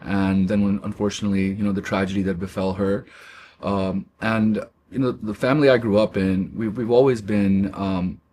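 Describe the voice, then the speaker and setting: A man in his forties from Pakistan, a guest speaking haltingly in a casual interview, with many fillers and restarts. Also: on the low side, fairly even intonation, darkish tone, slight background noise.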